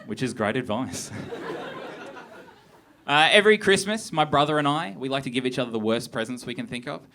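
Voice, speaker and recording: A young man doing a stand-up set on a theatre stage, with a deadpan, awkward, self-deprecating delivery. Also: mid-range voice, fairly quick, a little hiss or hum. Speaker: stand-up comedian. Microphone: handheld stage mic. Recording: live theatre with crowd laughter. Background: audience laughter.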